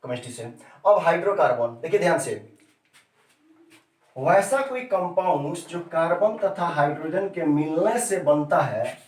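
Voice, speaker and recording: Man teaching chemistry in an echoey room. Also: fairly high pitch. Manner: repeats key terms and quizzes students with questions. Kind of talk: classroom lesson. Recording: echoey room, mic set far off.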